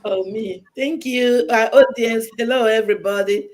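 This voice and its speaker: A woman's voice: a little high, moderate pace. A woman from Nigeria, a cheerful panel guest introducing herself over a video call.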